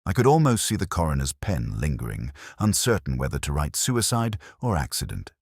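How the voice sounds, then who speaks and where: A man playing a weary, reflective police inspector, narrating his case in a measured, literary, melancholy way for an audio drama. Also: extremely low pitch, wildly swooping pitch, a little mellow, husky, no room sound, studio quality, heavily acted. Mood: melancholy, musing. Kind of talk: scripted first-person detective narration, audio drama.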